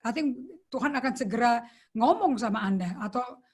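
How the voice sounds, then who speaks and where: A woman's voice: a little high, lively intonation, moderate pace, a little mellow, slightly rough. A woman pastor teaching a sermon over a video call, chatting casually and slipping English phrases into her talk.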